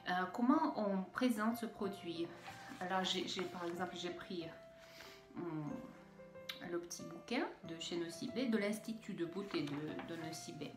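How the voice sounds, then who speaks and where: A woman's voice: lowish voice, unhurried, reverberant, over music. A woman with a Russian accent, chatting casually as she unboxes beauty products, hesitant with many fillers and restarts. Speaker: beauty vlogger. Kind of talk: unboxing video, casual chat.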